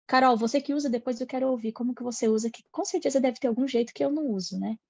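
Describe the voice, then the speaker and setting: A high-voiced woman teacher with a Brazilian Portuguese accent talks her colleagues through a lesson in a chatty, lively way. Her voice has a slightly husky edge, and the online-call audio comes through dry and a little muffled. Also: very fast, no room sound. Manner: lively, chatty, often reads out her prompts. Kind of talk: online teacher training talk.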